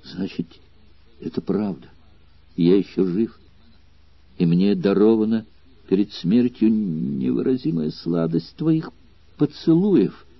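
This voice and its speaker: A man voicing a dying young man in an audiobook, speaking weakly in a hushed, halting voice. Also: lowish voice, big pitch swings, slightly rough, no room sound, muffled recording, exaggerated voice. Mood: faint.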